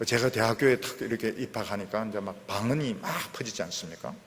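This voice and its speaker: A middle-aged male pastor preaching a sermon, swinging between loud emphatic bursts and quiet trailing endings. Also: on the low side, fast talker, big-room sound, a little hiss or hum.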